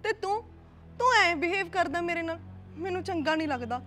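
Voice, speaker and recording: A young woman acts a lovesick village girl in a short film. Her voice is very high and emotional, pleading and coaxing. Faint music plays underneath. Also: animated, fairly quick, bright, forceful tone, exaggerated voice.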